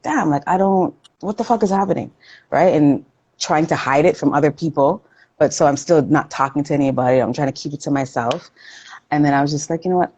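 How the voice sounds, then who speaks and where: A woman's voice: a bass voice, mellow, slightly rough, highs cut off. A woman in her forties chatting candidly, swearing freely and retelling her own thoughts. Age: 40s. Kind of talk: casual chat.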